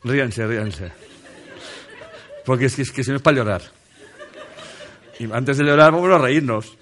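Man, motivational speaker, humorous live talk, addresses the audience, laughs often, medium pitch, stage. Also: normal speed, fairly bright tone, a little hiss or hum. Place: stage under a spotlight before a seated audience.

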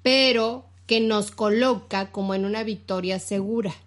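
A Mexican woman in her thirties co-hosts a relaxed talk show. She walks through ideas at length, trailing off and restarting as she thinks aloud, in a mid-pitched voice. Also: unhurried. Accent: Mexican Spanish. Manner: explains at length, restarts often. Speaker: podcast co-host. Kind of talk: casual chat.

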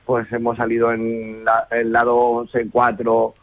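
A man's voice: mid-range voice, monotone, unhurried, no echo. A man, chatting casually in a radio interview with many fillers and restarts. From Spain, La Mancha. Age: 30s. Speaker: DJ and festival ambassador. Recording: muffled radio broadcast.

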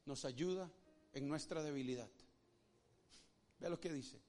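A man with a Rioplatense Spanish accent preaching a sermon as pastor, swinging his pitch widely and acting out the voices in the story. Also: darkish tone.

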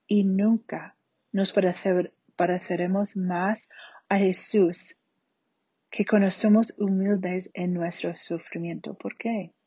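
Woman, Bible study teacher, slow, husky mellow voice, dull muffled sound. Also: medium pitch, fairly even intonation, dry recording. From Spain. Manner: slow, deliberate, earnest delivery with falling phrase ends.

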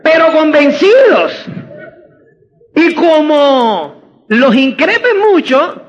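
Man, motivational seminar speaker, emphatic, animated delivery, muffled lo-fi recording. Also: very high voice, extremely slow. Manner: emphatic, keeps asking "¿me entiendes?". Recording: dull lo-fi audio.

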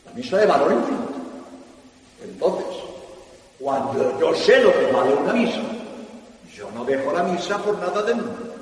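Priest preaching, high voice, heard afar with long hall reverb. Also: male voice, lively intonation, normal speed, long pauses. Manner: storytelling, repeats key phrases for emphasis. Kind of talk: radio sermon talk. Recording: echoey hall, distant mic.

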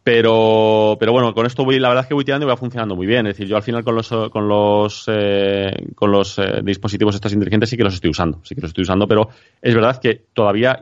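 A man's voice: fairly low pitch, no room sound, lo-fi sound. A man chatting casually on a tech podcast, rambling and emphatic with many restarts.

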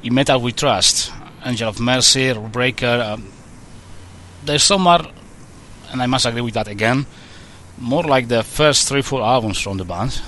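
A man from the Basque Country with a Basque accent, conducting a casual interview in a halting, informal way, searching for words. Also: mid-range voice, sharp tone, slight background noise. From Basque Country, Spain.

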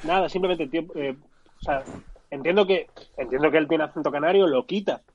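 A man's voice: on the high side, fairly quick, a little hiss or hum. Teasing man on a dull mic. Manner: relaxed, repeats himself, teasing. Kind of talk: casual chat.

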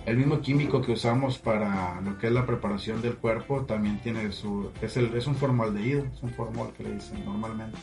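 A relaxed man talks casually as a podcast guest, often saying "así es". He sits some distance from the mic, and faint music runs behind him. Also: fairly low pitch, fairly quick, gravelly, hardly any pauses. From Mexico. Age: 20s. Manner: relaxed, chatty, frequent "así es". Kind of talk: casual conversation.

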